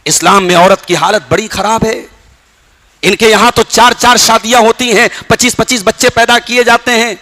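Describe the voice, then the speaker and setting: A man's voice: high-pitched, fairly even intonation, sharp tone. A man preaching a sermon as an Islamic preacher, telling stories with passion and reciting Arabic verses. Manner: impassioned storytelling with Arabic recitation. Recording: long hall reverb.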